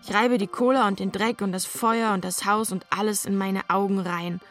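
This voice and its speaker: A woman's voice: medium pitch, steady tone, moderate pace, fairly bright tone, soft background music, lightly acted. Woman narrating as a troubled young boy. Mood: numb. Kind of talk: scripted radio drama narration.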